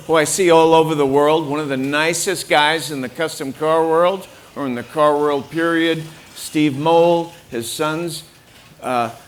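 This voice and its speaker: An older man from New York, with a voice pitched a little high, talks as a panel guest. He tells his story plainly and unhurriedly, with many small pauses. A faint room hum sits behind him. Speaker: panel guest, car stylist. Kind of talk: panel discussion. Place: forum room with an audience.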